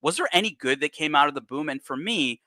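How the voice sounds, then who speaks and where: A man hosting a livestream, talking casually and bluntly, swearing freely with animated outbursts. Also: fairly high pitch, fast, dry recording. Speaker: host.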